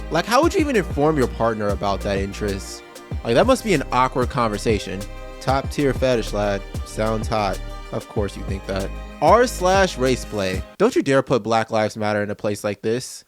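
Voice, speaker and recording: Sarcastic male commentary voice-over, lively pitch. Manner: sarcastic, profane, rambling. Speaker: commentary channel host.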